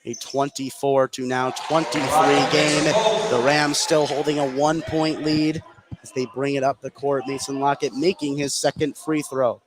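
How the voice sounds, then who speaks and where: A crowd sits behind this man's flat, mid-range delivery as he calls a live basketball game at a moderate pace in clipped present-tense phrases. The recording is rough, with gym noise clearly present.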